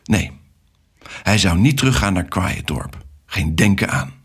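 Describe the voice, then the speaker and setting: A man narrating a children's story with an expressive, animated reading. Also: sits low, breathy edge.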